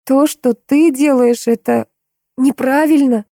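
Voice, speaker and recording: A woman reading an audiobook, voicing a distraught young woman who pleads and cries out in a higher voice. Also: steady tone, slow pace, dark tone, no echo, clean studio sound, full character voice. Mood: accusing. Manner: pleading, raised and tearful. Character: young woman, tearful and horrified.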